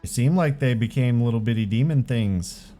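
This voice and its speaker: A man's voice: mid-range voice, moderate pace, warm tone. A laid-back man casually commenting while playing a video game, chatty and swearing freely. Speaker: gaming channel host. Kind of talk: casual let's-play commentary. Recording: commentary over game audio with faint music.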